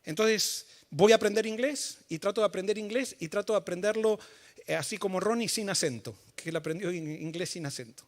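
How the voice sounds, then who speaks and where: A male pastor preaching a sermon in church, explaining scripture through everyday stories and building to emphatic, forceful points. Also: high voice, a little fast.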